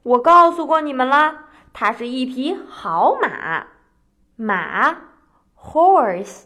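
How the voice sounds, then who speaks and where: A woman's voice: sits high, big pitch swings, slow, pushed and bright, full character voice. A woman voicing a clever, sly little male rabbit trickster in a children's story, playful and boastful.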